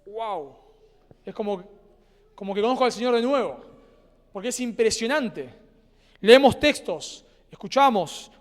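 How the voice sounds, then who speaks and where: High-voiced Argentine pastor preaching in a reverberant church. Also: male voice. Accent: Argentine Spanish. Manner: earnest, animated preaching with dramatic pauses and trailing quiet endings. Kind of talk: sermon. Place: church sanctuary. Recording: church hall with long reverb.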